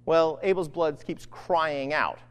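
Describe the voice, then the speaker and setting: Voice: mid-range voice, slow pace. A preacher delivering a sermon, asking rhetorical questions and pressing each point home with emphasis. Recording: long reverb, echoey hall.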